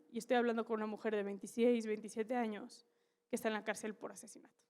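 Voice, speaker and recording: A woman with a Mexican Spanish accent, a conference speaker telling a story to an audience in a candid, lively way with slang and asides. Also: on the high side. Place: conference stage in a large hall.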